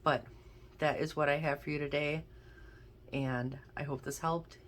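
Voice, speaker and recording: A woman's voice: sits low, steady tone, measured pace, background noise. Woman rambling through a card reading. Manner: rambling, thinks aloud with many restarts. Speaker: tarot card reader. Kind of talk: casual pick-a-card reading.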